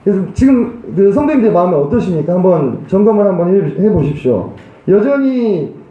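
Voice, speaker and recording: A man's voice: sits high, big pitch swings, fairly quick. A male pastor preaching a sermon in a church, putting rhetorical questions to the congregation. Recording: roomy, dull lo-fi sound.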